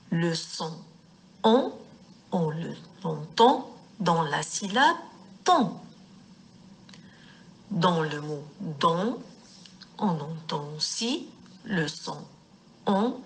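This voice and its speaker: A woman teaching young children to read, speaking slowly and word by word, stressing each syllable, and addressing her pupils with affection. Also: on the low side, a bit bright. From Morocco. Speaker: primary school teacher. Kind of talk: slow reading lesson for young children.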